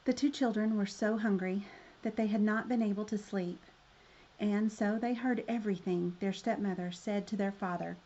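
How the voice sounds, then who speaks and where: A woman's voice: mid-range voice, fairly even intonation, normal speed, mellow, lo-fi sound. A woman reading a children's story aloud as a storyteller, in the manner of a fairy tale opening.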